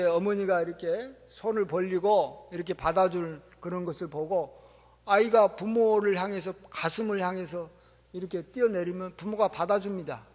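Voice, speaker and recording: A man preaching a sermon as pastor, animated, acting out parents and a crying child. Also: high-pitched. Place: church sanctuary. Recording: long church reverb.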